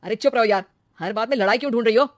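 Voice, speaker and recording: A woman's voice: a little high, rapid-fire, no room sound, clean studio sound, lightly acted. Woman playing a blunt, emphatic young husband. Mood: exasperated, angry. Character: young husband and son, earnest, easily exasperated. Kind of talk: acted story dialogue.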